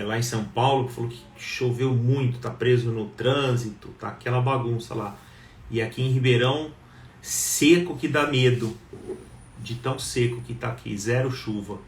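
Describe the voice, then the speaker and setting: A chatty man hosts a live stream from home, greeting viewers one by one in a relaxed, casual way. He sits back from a wireless mic, so his voice sounds distant in a roomy space, with faint noise behind him. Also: medium pitch. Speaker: live show host. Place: home, Ribeirão.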